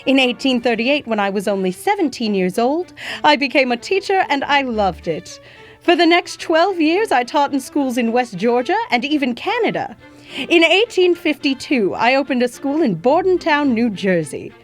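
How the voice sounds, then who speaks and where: A woman acting as a gracious, proud nurse from history, speaking in a genteel, motherly way. The voice sits fairly high and moves a lot in pitch. Soft music plays faintly behind. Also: sing-song, normal speed. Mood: storytelling. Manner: genteel, calls listener "my dear" and "darlings". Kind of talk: scripted educational acting.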